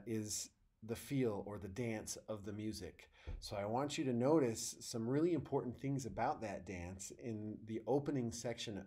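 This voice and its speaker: A man who teaches trumpet at a university, explaining audition preparation step by step in a clear, methodical teacher's manner. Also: medium pitch, mellow. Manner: sings musical phrases in scat syllables to demonstrate. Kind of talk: instructional video on audition preparation.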